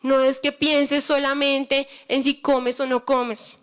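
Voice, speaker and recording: High-voiced woman preaching a lively sermon. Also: slow pace. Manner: storytelling with acted-out dialogue, exhorting.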